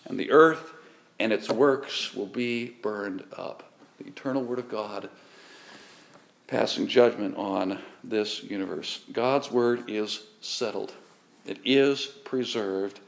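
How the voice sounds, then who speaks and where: A middle-aged man preaching a sermon, emphatic, swelling on key words and then dropping low. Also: slow, creaky. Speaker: pastor.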